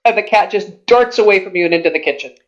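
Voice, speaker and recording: A woman acting as game master, improvising descriptive narration for a tabletop game in a halting way. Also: mid-range voice, lo-fi sound.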